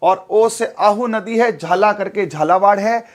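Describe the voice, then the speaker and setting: A man teaching an exam-prep class, lively and playful, acting out little dialogues and sound effects to make points stick. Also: sits high, unhurried. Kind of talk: animated classroom lecture with mnemonic stories.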